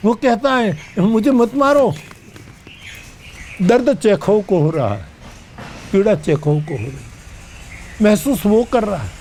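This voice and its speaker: Slow, soft-voiced older preacher. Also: male voice, high voice, a little hiss or hum. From Gujarat, India. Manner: slow, measured storytelling with sung verses. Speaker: spiritual storyteller. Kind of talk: devotional discourse.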